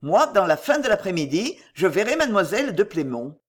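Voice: medium pitch, sing-song, fairly quick. Storybook figure: level-headed male friend, firm and reassuring, as the narrator puts him on. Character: calm, steadying male friend, firm and practical.

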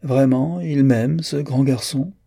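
A man's voice: medium pitch, gravelly, mellow, slightly rough, voice pushed up, heavily acted. A man voicing a proud, reluctant young woman. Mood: thoughtful. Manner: measured, hesitant, raised tone. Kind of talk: audiobook character reading.

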